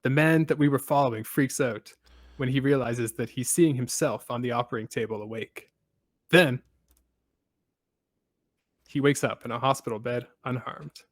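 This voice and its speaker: A man hosting a podcast, recapping a story in a casual way with steady storytelling and dry asides. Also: medium pitch, normal speed, pauses often, dry recording. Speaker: podcast host.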